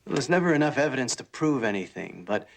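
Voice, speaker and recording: An actor playing a matter-of-fact military major giving information in a television crime drama. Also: male voice, mid-range voice, very animated, quick pace, vocal fry, poor audio. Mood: measured, certain.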